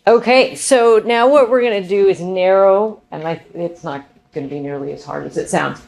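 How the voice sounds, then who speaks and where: A woman's voice: medium pitch, moderate pace, vocal fry, darkish tone, poor audio. A woman facilitating a board retreat, keeping the group moving with an upbeat, encouraging way of talking. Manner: upbeat, encouraging, thinks aloud. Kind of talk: guiding a group discussion. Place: meeting room.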